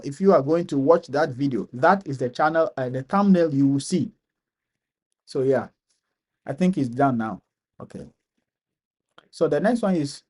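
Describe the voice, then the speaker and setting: A man with a Ghanaian accent runs a live-stream Q&A, reading viewers' comments aloud before answering each one. He often repeats his phrases for emphasis, and his voice sits a little higher than most men's. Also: a little mellow. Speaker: channel host answering viewer questions.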